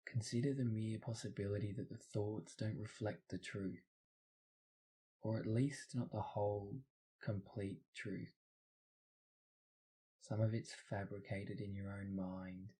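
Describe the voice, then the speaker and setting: In a guided meditation, a man with a fairly low, very mellow and relaxed voice reads scripted instructions soothingly. He takes the listener through it step by step at a measured pace, pausing often.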